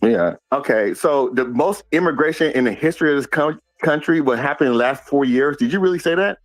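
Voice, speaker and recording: A man's voice: medium pitch, expressive, no echo, faint music behind. A man on a political call-in panel pushing back insistently with questions. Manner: insistent, rapid rebuttals. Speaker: panel caller. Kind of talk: heated political debate.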